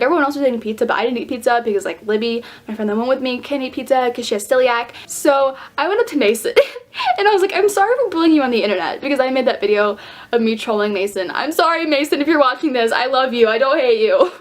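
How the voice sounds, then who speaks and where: A woman's voice: high-pitched, expressive, fast talker. A teenage girl vlogging in a casual, bubbly way, giggling often and filling her talk with "like". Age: teens. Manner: bubbly, giggly, lots of "like" fillers. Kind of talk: casual vlog narration.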